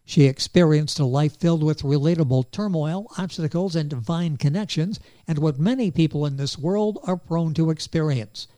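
A man hosting an interview program, introducing his guest in a polished manner and spelling details out slowly. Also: fairly high pitch, warm tone. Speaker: radio show host.

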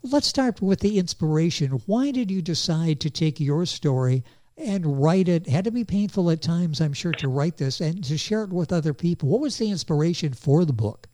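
A man hosts an interview show, his voice mellow and dark-toned yet sitting a little high. He delivers introductions smoothly and reads out names and addresses at a measured pace. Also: lively intonation. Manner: polished, warm introductions, reads details slowly. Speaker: radio show host. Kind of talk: hosting an interview.

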